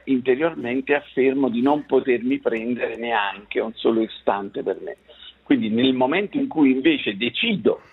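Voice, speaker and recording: A man on speakerphone as a guest, explaining in a measured way and repeating words for emphasis. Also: mid-range voice, breathy edge. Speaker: guest author. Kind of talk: explaining meditation on a radio talk show. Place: outdoors-ish countryside home. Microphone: phone on speakerphone. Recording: tinny distorted phone line.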